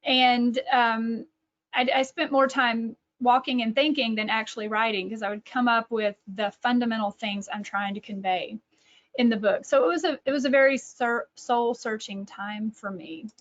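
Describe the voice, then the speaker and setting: Over a video call with slightly dull, lo-fi sound, a middle-aged woman with a Texan accent talks informally, sharing anecdotes and revising her thoughts mid-sentence like a presenter thinking aloud. She is an educator, author and speaker, with a somewhat high, steady voice at a moderate pace.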